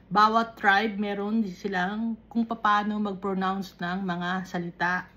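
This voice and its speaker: Slow, unhurried woman teaching scripture. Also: medium pitch, fairly bright tone. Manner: unhurried, explaining with frequent checks on listeners. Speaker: Bible teacher. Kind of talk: Taglish Bible study teaching.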